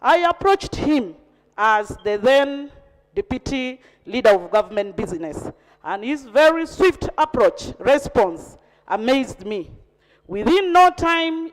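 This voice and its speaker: A member of parliament with a Ugandan accent delivers a formal tribute as a narrative, speaking in a high-pitched, animated voice at a slightly slow pace. The recording comes from a large parliamentary chamber, with an echoey hall and long reverb.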